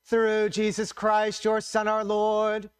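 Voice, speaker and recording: A man leading a church service as liturgist, solemn and measured in his chanted and spoken prayers. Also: high voice, monotone, clear, resonant tone, clean studio sound. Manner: solemn, measured, reverent delivery. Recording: echoey church-like reverberant space, faint music.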